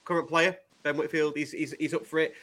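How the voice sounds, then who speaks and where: A man's voice: fairly high pitch, little pitch movement, fairly quick, a crowd in the background. A man hosting a podcast in casual, chatty style. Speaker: podcast host. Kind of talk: casual chat, running through show plans.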